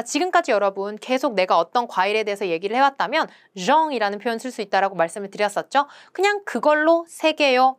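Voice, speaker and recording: A woman teaching French travel phrases, repeating each example slowly and clearly, then explaining in a brisk, lively way. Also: fairly high pitch. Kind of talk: language lesson with slow repeated example phrases.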